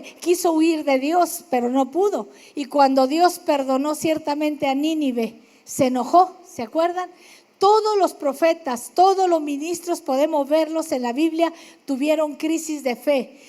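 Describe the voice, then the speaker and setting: A woman's voice: sits high, a little mellow. A middle-aged woman pastor with a northern Mexican accent, preaching emphatically and speaking straight to her listeners. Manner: emphatic, addresses listeners directly, acts out quoted voices. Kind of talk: sermon.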